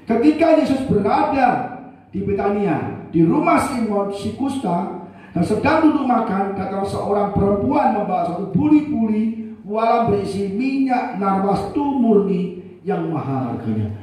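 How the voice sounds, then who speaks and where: A man's voice: sits high, very animated, unhurried, mellow. A middle-aged man preaching a sermon, telling stories animatedly and acting out the quoted voices. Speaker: pastor. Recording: very echoey, from a distance.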